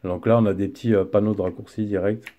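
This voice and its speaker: A man casually reviewing a gadget as he unboxes it, chatty and relaxed, with frequent fillers. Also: lowish voice, fast talker, slight background noise. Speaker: tech reviewer. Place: indoor desk setup.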